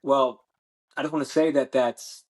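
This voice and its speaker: A man's voice: medium pitch, steady tone, unhurried, breathy edge. A man co-hosting a podcast, mostly giving short listening replies.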